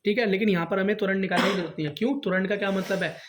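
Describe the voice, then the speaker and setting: A man's voice: high voice, steady tone, rapid-fire, background noise. A man teaching a science lesson to a class, asking students questions and answering them himself. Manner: quizzes students, calls them "beta", answers his own questions.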